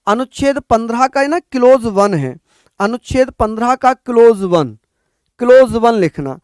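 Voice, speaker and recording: A man from northern India teaching an exam-prep lecture, repeating points slowly for students to write down. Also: very high voice, lively intonation, darkish tone, clean tone, no echo, clean studio sound. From Uttar Pradesh, India. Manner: addresses students as bhaiya, repeats points for dictation.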